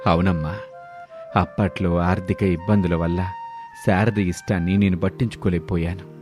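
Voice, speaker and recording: A man voicing a gentle older father-in-law who speaks softly and apologetically in an animated family story. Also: sits low, moderate pace, faint music behind, pitched below the performer's own voice, lightly acted. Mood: regretful.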